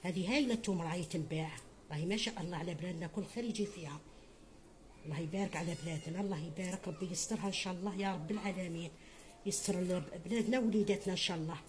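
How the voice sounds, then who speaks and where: A middle-aged home cook with an Algerian Arabic accent and a fairly low voice talks very fast through a cooking tutorial. She's chatty and motherly, calling her viewers her children and adding blessings, with slight background noise.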